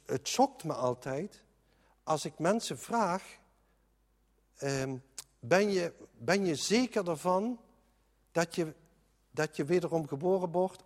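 A man's voice: on the high side, darkish tone, in a large hall. A man preaching a sermon in an earnest, emphatic way, often restarting his sentences.

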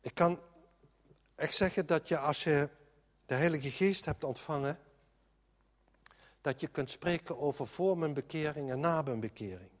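A man's voice: on the high side, measured pace, long pauses. Earnest preacher man in a reverberant hall. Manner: earnest, emphatic, with frequent restarts. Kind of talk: sermon.

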